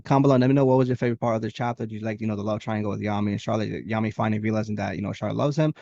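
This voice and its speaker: Fast-talking man recapping anime. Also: on the low side, steady tone, vocal fry, dark tone, dull audio, a little hiss or hum. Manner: fast, chatty, filler-heavy retelling with playful voice impressions. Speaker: anime reviewer. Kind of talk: casual chapter recap.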